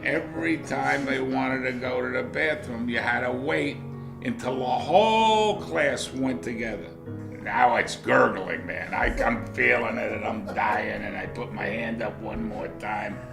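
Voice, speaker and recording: An older man recounts his childhood with animated energy. His voice has a gravelly edge. The room gives it an echo, with soft music far beneath. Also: mid-range voice, unhurried. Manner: animated, lively storytelling. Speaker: interviewee. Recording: roomy echo with faint music.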